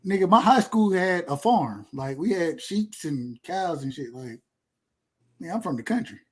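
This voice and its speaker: A man's voice: a little high, lively intonation, measured pace, breathy edge. Man in his thirties, from Georgia, casual, rambling, boastful. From Georgia, USA. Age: 30s. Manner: laid-back, boastful, rambling with repeats. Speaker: podcast host. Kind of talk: casual chat.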